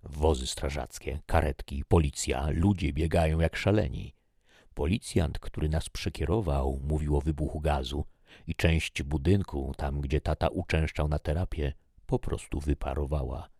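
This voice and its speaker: Very deep gravelly male storyteller. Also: moderate pace, warm tone, no room sound, studio quality. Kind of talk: scripted first-person narration.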